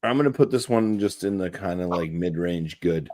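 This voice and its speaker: A man with an extremely deep voice gives a casual spoken beer review. He talks in a measured, hesitant way, pausing on fillers as he weighs his words. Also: expressive, a little mellow.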